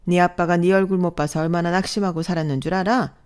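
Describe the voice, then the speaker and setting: Woman reading a nagging middle-aged aunt, insistent and reproachful, lowish voice, radio-story drama. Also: fairly even intonation, fast talker, darkish tone, clean tone, natural voice. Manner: insistent, reproachful guilt-tripping. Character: pushy middle-aged aunt, guilt-tripping and pleading.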